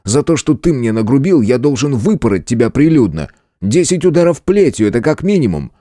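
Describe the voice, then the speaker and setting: A man's voice: medium pitch, sing-song, fairly quick, mellow, no room sound, clean studio sound, pitched above the performer's own voice, close to an everyday voice. Man as a cold, commanding young lord. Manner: curt, commanding. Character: young lordly male hero, cold and domineering.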